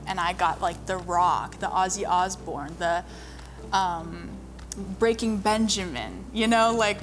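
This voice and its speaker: This young woman, a model who also sings, speaks at a medium pitch with a slightly bright quality. Her talk is chatty personal storytelling about her music, full of "like" fillers, set over underlying music.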